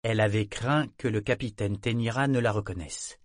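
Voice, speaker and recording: Male audiobook narrator, lowish voice, even steady reading, dry close sound. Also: no echo. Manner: measured and even. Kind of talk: scripted narration.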